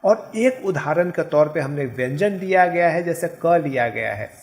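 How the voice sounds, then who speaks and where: A male teacher giving a Hindi grammar lesson, explaining step by step and saying example words slowly and carefully. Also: fairly high pitch, animated, gravelly. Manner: explains step by step, often checking with "ठीक है". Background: background noise.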